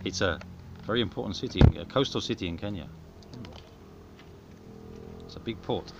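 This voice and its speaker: Speaking at normal speed in a voice on the low side, a middle-aged man playfully narrates home video footage with mock-dramatic humour. The setting is a small outdoor back garden, captured with muffled, noisy camera audio that clicks.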